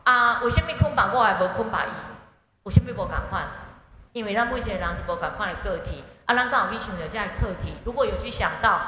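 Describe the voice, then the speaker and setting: A middle-aged woman with a Taiwanese Mandarin accent, switching into Taiwanese Hokkien, giving a lively, conversational talk with anecdotes as a guest speaker at a church service. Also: mid-range voice. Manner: lively storyteller who acts out quoted voices. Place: church sanctuary. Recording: echoey hall with faint background noise.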